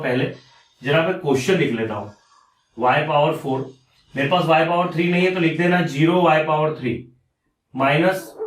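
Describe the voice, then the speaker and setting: This maths teacher has a fairly high voice and is recorded from a distance, giving a roomy sound. He explains the lesson step by step on a board, going over each step again and asking and answering his own questions.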